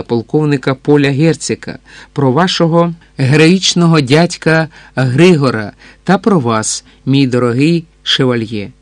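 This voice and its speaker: A man reading as a courteous foreign count in an audiobook, curious and a little flattering. The voice sits on the higher side for a man. The recording is dry and close, with no room sound. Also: dry recording, natural voice.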